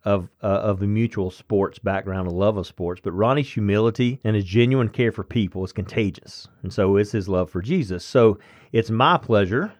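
A man hosting a conversational ministry podcast, earnest and friendly, with a relaxed, easygoing delivery. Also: on the low side, normal speed, no echo. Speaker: podcast host.

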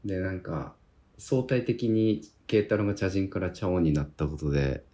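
A man from Tohoku in Japan with a slightly husky voice, chatting casually as a podcast co-host. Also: sits low, normal speed, mellow. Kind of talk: casual chat.

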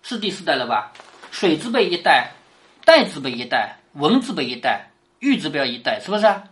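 This woman's voice sits low and swings widely in pitch, her pace a little fast. Lecturing about a classic novel, she retells and clarifies it plainly and conversationally, constantly using rhetorical tag questions with her voice dipping on them.

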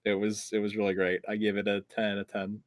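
A podcast co-host chatting casually, joking sarcastically and laughing often. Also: male voice, on the low side, monotone, fast talker, dry recording, clean studio sound. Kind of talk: casual chat.

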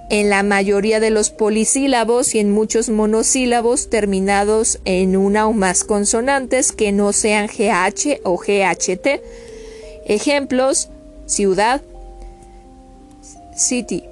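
A woman giving a spoken pronunciation lesson, spelling out letters and repeating each example word several times. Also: mid-range voice. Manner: repeats words slowly, spells letters aloud. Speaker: English pronunciation teacher.

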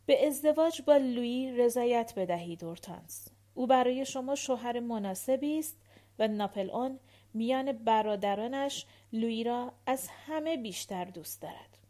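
A woman reading aloud gives voice to a patient young woman who asks soft, coaxing questions in a storybook tale. Her voice sits a little high. It stays close to the reader's own. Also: lively intonation, lightly acted. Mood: persuasive. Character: patient young woman, gentle older sister.

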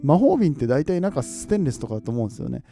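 A man from Nagoya, Japan, hosting his podcast in a relaxed, chatty way, often chuckling and asking listeners questions. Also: mid-range voice, racing, vocal fry, soft background music. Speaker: podcast host. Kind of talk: casual solo chat.

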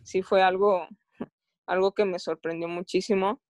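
A woman's voice: medium pitch, level tone, normal speed, darkish tone, no room sound. A woman with a Mexican accent, an athlete recounting her experiences in a casual interview, often stopping and restarting her phrases. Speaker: Olympic athlete guest.

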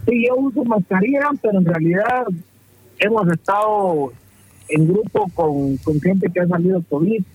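A man's voice: sits high, moderate pace, darkish tone, breathy edge. A man with a Guatemalan Spanish accent calling in to a radio show and telling stories in easygoing slang. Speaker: phone-in caller. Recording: tinny phone line.

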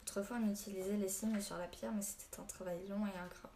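A woman reads a gruff old hermit who tells stories slowly and loses his temper quickly. The delivery is mellow and even, with little rise and fall. The audiobook recording carries room echo and a faint hiss. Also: mid-range voice, lightly acted. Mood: grave. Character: old male hermit storyteller, stern and short-tempered. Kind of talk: audiobook reading.

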